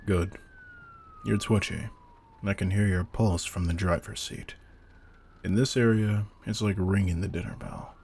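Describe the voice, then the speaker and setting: Addressing the listener in an intimate, slow-burn roleplay audio drama, a man voices a veteran vampire hunter who is intense, commanding and secretly predatory. His very low, gravelly voice is a little mellow with fairly even intonation, calm and commanding, slow and deliberate, often dropping to breathy murmurs over ambient noise.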